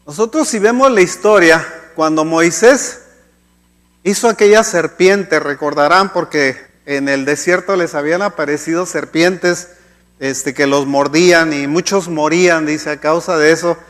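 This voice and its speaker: A man with a fairly high voice delivers a sermon in a loose, conversational way. He repeats words as he searches for them and keeps checking in with his listeners. His voice rings out with the long reverb of a church hall. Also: a little slow, a bit bright. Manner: conversational, many restarts and "¿sí?" checks, acts out quoted complaints. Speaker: pastor.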